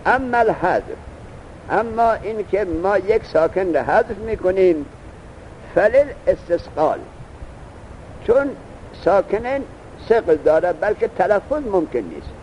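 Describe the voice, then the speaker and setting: A man's voice: sits high, sing-song, dark tone, slight background noise, rough recording. A man teaching a grammar lesson, explaining step by step and asking his students questions.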